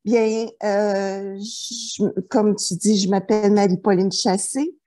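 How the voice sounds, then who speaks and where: This middle-aged woman from New Brunswick, Canada, is a therapist recounting her life story as an interview guest. Her mid-range voice is warm and fairly even in intonation, and she takes her time. She hesitates often, with many fillers and restarts.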